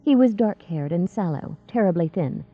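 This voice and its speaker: A woman narrating a fantasy novel in a steady, measured reading. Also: on the low side. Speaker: audiobook narrator. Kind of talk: scripted narration. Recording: tinny phone-like dry sound.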